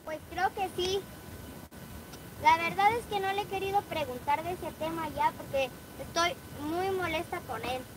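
Young woman vlogger, super high voice, scolding and fed up, lots of noise in the background. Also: moderate pace. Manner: scolding, firm and exasperated. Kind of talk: casual vlog chat.

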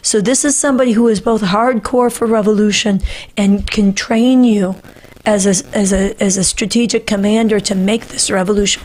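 The audio is poor as a middle-aged woman hosts a political panel show in a small, book-lined indoor studio, close to a boom-arm podcast mic. Her mid-range voice has a darkish tone. She speaks in impassioned commentary with earnest, emphatic conviction, often repeating phrases to stress them.

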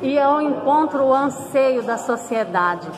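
A woman's voice: sits high, animated, measured pace, crowd noise, rough recording. A middle-aged woman, a city councillor, answering a reporter earnestly and often addressing him by name. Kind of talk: interview answers. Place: indoor office with flags.

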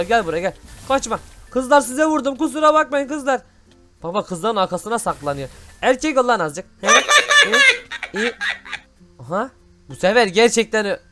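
A man hosting excited gameplay commentary, full of loud exclamations. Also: very high voice. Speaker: gaming host.

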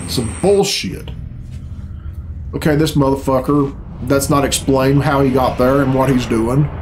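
A man in his thirties, hosting a reaction video from his small bedroom at home, talks unhurriedly in a steady, medium-pitched, somewhat dark voice. His casual commentary is blunt, sarcastic and profane, with slight background noise and game cutscene music around it.

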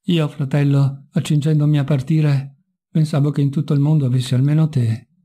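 A man's voice: fairly high pitch, normal speed, warm tone, slightly rough. A man voicing a bitter, mocking young intellectual in a read-aloud novel, with a wry, sardonic manner.

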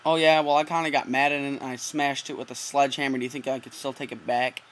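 A teenage boy makes a casual prank call, delivering it straight and earnest in a medium-pitched, level voice and talking fast. He's captured close up on a laptop mic, and the recording is noisy.

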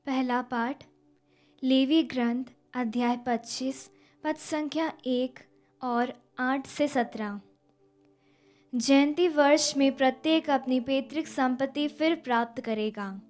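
Young woman, 20s, lectern reader, bright high voice, slow measured delivery, stand mic. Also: faint music behind. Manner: even, deliberate recitation of scripture and psalm. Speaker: scripture reader at Mass. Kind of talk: slow, measured liturgical reading. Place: indoor studio chapel.

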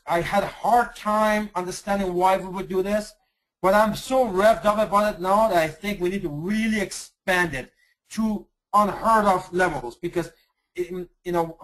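A man's voice: high-pitched, rough recording. A man, a company executive, giving an enthusiastic sales presentation in a webinar, boastful and emphatic, often restarting his sentences.

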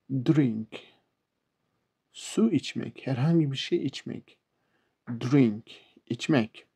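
Turkish-accented male English teacher, patient and repetitive, gravelly and husky. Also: mid-range voice, dark tone. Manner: slow, repeats words and example sentences. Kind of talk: explaining English verbs to beginners.

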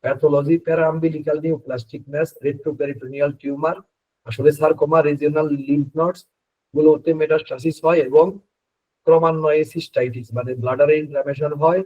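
Guy teaching a class, fairly high voice, reads off case notes fast, muffled lo-fi audio. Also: fairly even intonation. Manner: explanatory, stresses words for emphasis, reads case notes in rapid lists. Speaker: homeopathy instructor. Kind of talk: lecture on repertory practice.

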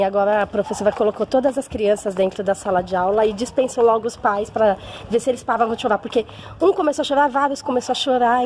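A woman's voice: on the high side, darkish tone, slight background noise. A woman, chatting casually to viewers as a vlogger mother, emotional and often asking for agreement, recorded on a handheld phone at home and while walking outside. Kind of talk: casual vlog chat to viewers. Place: home, then walking outdoors on a street.

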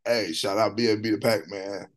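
This is a man with a slightly low voice giving relaxed reaction commentary on a song. He talks in a slangy, animated way and keeps circling back to quote the lyrics. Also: moderate pace. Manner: loose, slangy and animated, often repeating song lines. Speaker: music reaction host.

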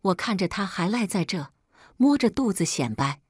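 A woman storyteller reading a first-person story in a brisk, wry way. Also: medium pitch, sing-song, husky, no room sound, clean studio sound.

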